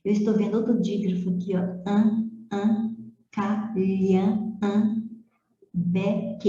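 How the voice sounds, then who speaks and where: A woman language teacher talks slowly and methodically, with a very dark, mellow tone. She steps through each exercise and checks in with short questions. The recording sounds dull and a little roomy. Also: medium pitch. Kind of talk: explaining phonetics exercises.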